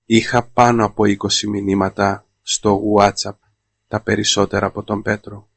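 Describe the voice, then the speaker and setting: A man narrating a scripted first-person story in a flat, monotone reading. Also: on the low side, vocal fry, no room sound.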